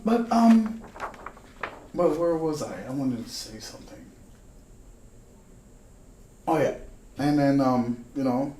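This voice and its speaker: A man from the Caribbean telling his story in an oral history interview, lively and often leaping up in pitch. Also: slight background noise. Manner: animated, jumps high in pitch when telling stories. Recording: roomy with faint ambience.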